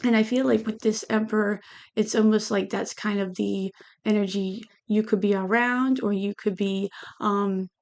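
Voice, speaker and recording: A woman's voice: mid-range voice, fairly even intonation, normal speed, a little mellow. A woman giving a casual tarot reading, speaking with a lisp from lingual braces in a hesitant, meandering way. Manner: hesitant, meandering, repeats "you know". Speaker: tarot reader.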